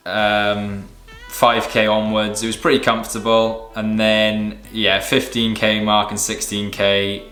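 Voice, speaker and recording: A young vlogger and amateur runner recaps in a casual, matter-of-fact, conversational way. His fairly low voice is completely flat, a little slow and sharp in tone, with roomy echo and music behind.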